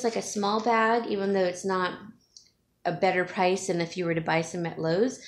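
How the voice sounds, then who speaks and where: A home stager and DIY vlogger chats casually to her camera, rambling along with fillers, small laughs and an allergy sniffle. Her voice sits at a medium pitch. She sounds distant from the mic in an echoey room, with a faint hiss underneath.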